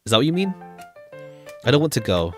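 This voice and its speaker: A live streamer with a medium-pitched, slightly bright voice that swings widely in pitch gives fairly quick, casual commentary on a game. He rambles hesitantly and repeats phrases, with faint jazzy game music behind him.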